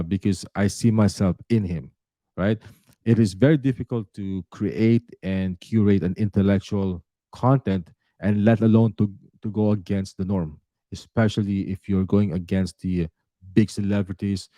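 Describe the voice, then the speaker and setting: A man's voice: sits low, warm tone, no room sound. A middle-aged man born in the Philippines, a realtor speaking earnestly and directly to his viewers, with frequent "uh" fillers. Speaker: realtor and YouTuber. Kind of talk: talking to camera.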